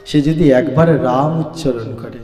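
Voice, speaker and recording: Male devotional storyteller, slow, sing-song delivery, long reverb, soft violin under him. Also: medium pitch. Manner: slow, sing-song, addresses listeners directly. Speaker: Bhagavata reciter. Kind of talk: devotional scripture storytelling sermon. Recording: echoey hall, faint violin music.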